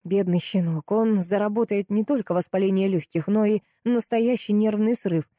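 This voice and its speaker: A woman narrating a first-person audiobook in a steady, lively storytelling way. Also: medium pitch, normal speed, no room sound, clean studio sound.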